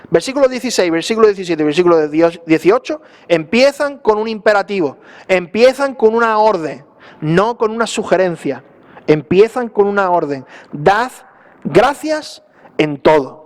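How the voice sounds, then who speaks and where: Male pastor, high pitch; conversational sermon with playful acted asides. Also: normal speed. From Spain. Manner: lively, conversational preaching with tag questions and acted-out asides.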